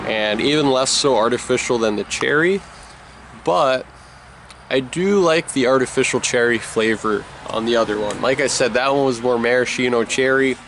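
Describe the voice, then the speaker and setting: A man giving a casual, rambling review as he talks with a wad of chewing tobacco in his mouth. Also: medium pitch. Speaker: product reviewer. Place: outdoors. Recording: noisy outdoor recording, people and traffic behind. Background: loud people nearby, vehicle noise.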